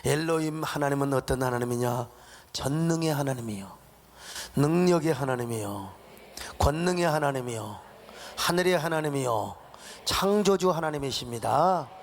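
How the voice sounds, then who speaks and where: A man's voice: mid-range voice, animated, normal speed, slight background noise. A male pastor preaching an emphatic, dramatic sermon in a church. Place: church sanctuary. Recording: long church reverb.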